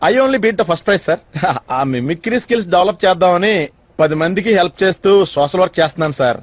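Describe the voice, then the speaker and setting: A man's voice: sits high, lively intonation, a little fast, no echo. An actor playing a cheeky, bragging young man in a Telugu film comedy. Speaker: comic film character. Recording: film soundtrack with faint music.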